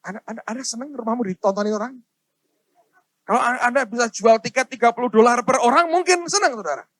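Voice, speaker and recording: A middle-aged man preaching a sermon, telling stories to the congregation with dramatic swings from hushed to loud. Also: very high voice, fast talker, dry recording. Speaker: pastor.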